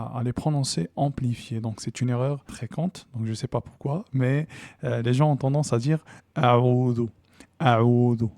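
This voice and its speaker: A man's voice: mid-range voice, creaky, mellow, dry recording. Patient male tajwid teacher, dry close sound. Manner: patient explanation, repeats sounds slowly with emphasis. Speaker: Quran recitation teacher. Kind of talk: tajwid lesson with recitation.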